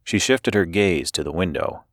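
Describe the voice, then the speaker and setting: A man with a very low voice reads an audiobook in a steady, measured way. The recording is dry and close to the mic, with no room sound. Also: no echo. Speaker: audiobook narrator. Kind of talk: scripted audiobook narration.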